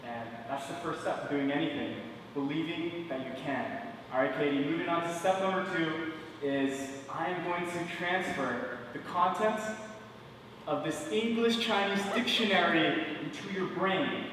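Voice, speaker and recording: A man's voice: a little high, moderate pace, fairly bright tone, slight background noise. Young male magician, playful stage patter, echoey theater recording. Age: 20s. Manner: playful, joking with an audience volunteer. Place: large indoor theater stage. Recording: echoey theater hall, distant mic.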